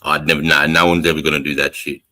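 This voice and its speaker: A man's voice: a bass voice, little pitch movement, fast talker, sharp tone. An Australian man in his forties chatting casually and bluntly, swearing heavily and using blokey Aussie slang. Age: 40s. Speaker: military veteran and podcast talker. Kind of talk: casual chat.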